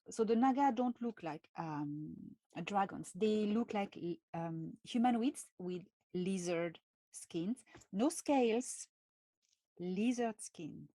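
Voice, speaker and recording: A woman with a French accent, hosting a live stream and talking in a halting way with many pauses and fillers. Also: on the low side, dark tone, dry recording. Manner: halting, many fillers and restarts, laughs often. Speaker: channel host.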